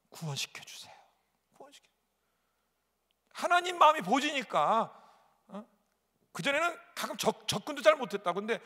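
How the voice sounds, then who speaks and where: A male pastor preaching a sermon, telling a personal story dramatically with sudden loud outbursts and repetition. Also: very high voice. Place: large church sanctuary. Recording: echoey church hall.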